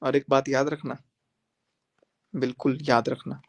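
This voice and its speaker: A man's voice: mid-range voice, little pitch movement, unhurried. A young man on a live stream, speaking defiantly and confrontationally, repeating phrases for emphasis as he challenges his critics. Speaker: social media creator on a live stream. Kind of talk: heated live-stream monologue.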